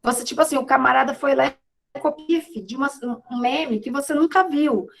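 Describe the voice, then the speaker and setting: A woman's voice: sits high, brisk, creaky, faint music behind, poor audio. A woman teacher giving a casual online class over a video call, chatty and often checking in with her students.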